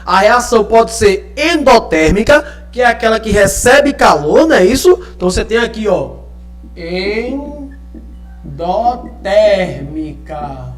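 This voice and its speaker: A man's voice: high-pitched, animated, moderate pace, few pauses. A male teacher gives a live online class from home, checking in often with the students. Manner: checks in often with tag questions. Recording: echoey room with faint music.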